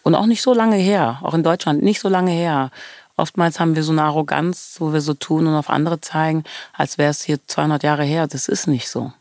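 A woman's voice: deep voice, brisk, darkish tone, no room sound, studio quality. A woman from Germany, talking as an interview guest in an earnest, passionate way, stressing points by repeating words.

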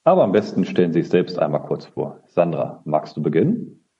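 A man hosts a podcast and greets his guests. His very deep voice swings widely in pitch, keeping his delivery lively. The recording sounds slightly muffled. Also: fairly quick, gravelly. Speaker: podcast host, social counselor. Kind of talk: podcast moderation.

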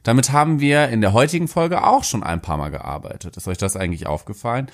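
A man co-hosting a casual educational show, talking in a lively, slangy, self-mocking way. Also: mid-range voice, quick pace. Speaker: co-host.

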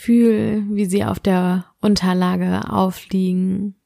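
Slow, creaky-voiced woman guiding sleep meditation. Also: medium pitch, level tone, no room sound, studio quality. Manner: gentle, unhurried, with long phrases drawn out. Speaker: podcast host and meditation guide.

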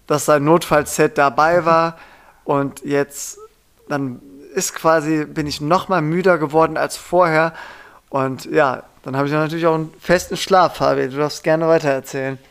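A young man co-hosting a podcast, talking in a relaxed and hesitant way, often restarting his sentences. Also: on the high side, moderate pace, clear, resonant tone. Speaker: podcast co-host. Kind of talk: casual chat.

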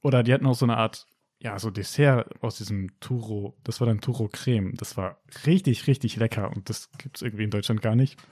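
A man's voice: fairly low pitch, fairly quick, darkish tone, no room sound, studio quality. A young man from Germany chatting casually, telling things in a colloquial, loosely hedged way. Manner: colloquial, hedging storytelling. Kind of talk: casual chat.

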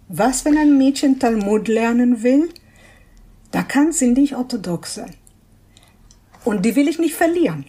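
Earnest older woman, husky, mellow. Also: a little high. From Israel. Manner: earnest, searching for words with restarts. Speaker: interview guest, prayer leader. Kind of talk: thoughtful interview answers.

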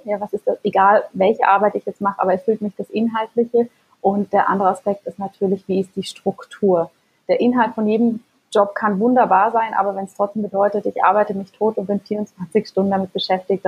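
Woman, from Germany, podcast guest, very breathy husky voice, muffled lo-fi audio. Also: mid-range voice, darkish tone. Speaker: podcast guest, physician and health coach. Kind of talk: conversational interview.

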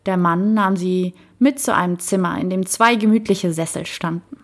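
A woman reading a storybook aloud in a calm, soft manner. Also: fairly low pitch, normal speed. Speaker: narrator.

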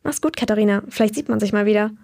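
A woman's voice: mid-range voice, rapid-fire, creaky, dark tone, close to an everyday voice. A young woman voicing a blunt, cheerful teenage girl in a read-aloud story. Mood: frank. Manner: frank, upbeat.

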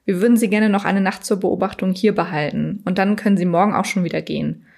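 A woman's voice: mid-range voice, steady tone, fast, creaky, darkish tone. A woman reading as a cheerful nurse. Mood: reassuring. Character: cheerful female hospital nurse, reassuring.

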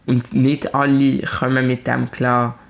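Young Swiss woman in her twenties; gravelly, outspoken, animated guest. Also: extremely low pitch, takes it slowly. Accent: Swiss German. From Switzerland. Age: 20s. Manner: direct, animated, emphatic. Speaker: musician guest. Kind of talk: casual chat.

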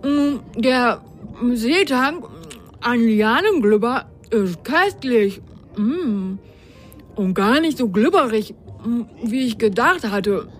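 A woman's voice: fairly high pitch, animated, takes it slowly, voice pushed up. A woman voicing a hungry male sock who talks and hums with his mouth full in a storybook. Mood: munching. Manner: munching, humming with food in mouth.

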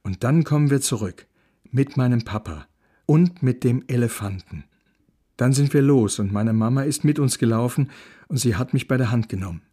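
A man reading a children's novel aloud in a calm, gentle storytelling manner. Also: medium pitch, moderate pace, slightly rough. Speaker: audiobook narrator.

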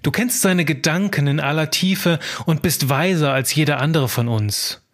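A man playing a calm, wise monk. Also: a little high, normal speed, close to an everyday voice. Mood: calm, reassuring. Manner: calm, gentle, steady. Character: calm, wise older monk reassuring a brother.

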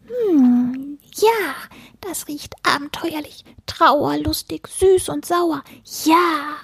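A woman voicing an excitable, lisping little male creature that eats books, in a storybook reading. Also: drawn-out words, gravelly, no room sound, heavily acted. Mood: excited. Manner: high, gushing, savoring words.

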